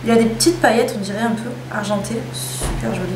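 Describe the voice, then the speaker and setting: A woman's voice: fairly high pitch, brisk. A young woman chatting casually through a lipstick haul, with playful self-mocking asides. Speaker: beauty vlogger. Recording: echoey room with faint hum.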